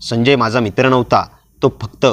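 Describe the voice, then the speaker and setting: A man voicing a quiet, earnest young man who is protective and weighed down by guilt. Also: medium pitch, steady tone, normal speed, lightly acted. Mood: grave.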